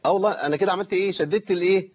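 A man with an Egyptian accent teaching Quran recitation, lively and mock-scolding as he demonstrates common pronunciation mistakes. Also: sits high, racing. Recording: dull lo-fi recording.

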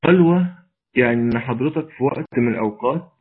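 A man's voice: mid-range voice, fairly quick, vocal fry, husky. A man with an Egyptian accent giving a religious lesson and answering questions, exhorting earnestly and straining to make his weak voice carry. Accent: Egyptian Arabic. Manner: mixes formal Arabic with colloquial, earnest and exhorting. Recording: tinny phone-like audio.

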